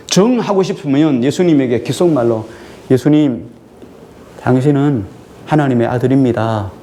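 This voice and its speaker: A male pastor preaching a sermon to his congregation, putting questions to them and answering them himself, and drawing out key words slowly for emphasis. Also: medium pitch, mellow, slight background noise. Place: church sanctuary.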